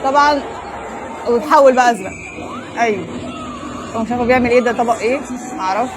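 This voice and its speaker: A woman's voice: on the high side, fast, a crowd in the background, noisy background. A young woman with an Egyptian Arabic accent, giving a reaction commentary as an anime YouTuber, exclaiming, teasing and laughing often.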